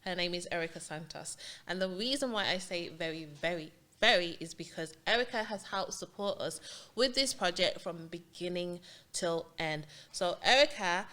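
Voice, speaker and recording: A woman hosting an interview, her voice sitting a little low for a woman. She talks in an upbeat, chatty way and stacks repeated words for emphasis. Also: moderate pace, hardly any pauses, bright, forceful tone. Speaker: host.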